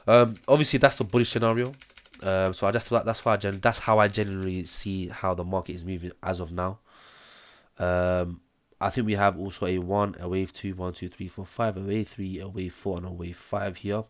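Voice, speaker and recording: A man with a hoarse, chesty voice, talking step by step through a chart analysis on a close mic, counting out waves with many ums. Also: low-pitched, steady tone, normal speed, dry recording, muffled recording. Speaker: trading analyst. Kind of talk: screen-share chart analysis. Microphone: close mic, audible breathing.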